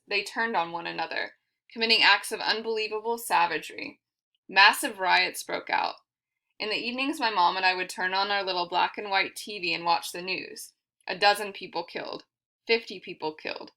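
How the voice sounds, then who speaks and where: Bright-voiced woman reading a memoir aloud. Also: mid-range voice. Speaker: library reader.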